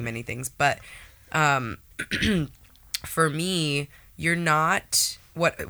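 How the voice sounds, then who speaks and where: A man with a bright, clear tone, a little nasal and sniffly from a cold. He talks in a chatty, upbeat way as a podcast co-host giving tips. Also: medium pitch. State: stuffy nose from a cold. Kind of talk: casual chat.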